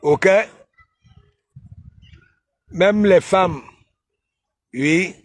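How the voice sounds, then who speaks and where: A man from Cameroon with a Cameroonian accent, hosting a casual live stream where he mocks and teases, often breaking into shouts. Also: sits high, drawn-out words, breathy edge, dry recording, clean studio sound. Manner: mocking, teasing, bursts of shouting.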